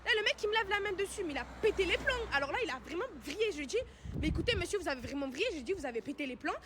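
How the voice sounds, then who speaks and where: A woman's voice: very high-pitched, lively intonation, racing, noisy background. A young woman telling her followers a personal story in a casual, indignant, slangy way, with emphatic retelling.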